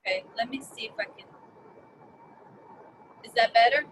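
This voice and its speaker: A woman giving an earnest webinar talk over an online call. Her voice cuts in and out under static, and she pauses often with "um" as she explains. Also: a little high, a bit bright, low-quality recording. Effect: voice cutting in and out under static over an online call. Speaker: wellness presenter. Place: indoors near a window. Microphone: online video call.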